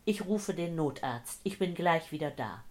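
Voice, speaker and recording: A woman voicing a frantic old man with a rough voice who shouts and pleads in an audiobook. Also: low-pitched, animated, a little slow. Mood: pleading.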